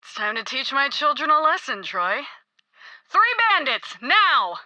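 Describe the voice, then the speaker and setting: A woman's voice: high voice, big pitch swings, a little slow, bright, forceful tone, dry recording, muffled recording, heavily acted. A gleeful, cruel cult queen. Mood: condescending. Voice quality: mocking, sing-song and sweetly menacing. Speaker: cult leader God Queen. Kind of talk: video game voice acting.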